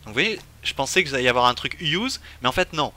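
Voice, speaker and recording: Casual, chatty streamer man, bright voice. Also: mid-range voice, lively intonation, quick pace. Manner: thinking aloud, many fillers. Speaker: game streamer. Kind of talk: casual let's-play commentary.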